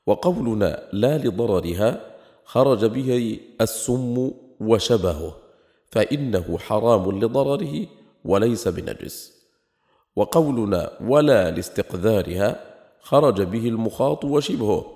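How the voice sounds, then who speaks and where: A man reading a scholarly text aloud in a measured, explanatory way, at times slightly sing-song. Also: fairly low pitch, a little mellow. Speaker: reader. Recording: long hall reverb.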